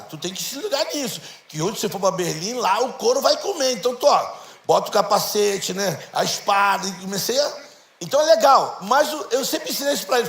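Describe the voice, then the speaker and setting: A middle-aged man, telling stories in a church sermon and acting out the dialogue in a lively, slangy way. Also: sits high. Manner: animated, slangy, acts out dialogue. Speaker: guest preacher. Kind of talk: storytelling sermon. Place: church hall. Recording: echoey church hall, faint noise.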